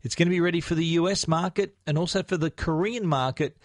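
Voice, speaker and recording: A man's voice: on the high side, quick pace, dry recording, clean studio sound. An Australian man hosting a tech news podcast, talking conversationally with frequent restarts.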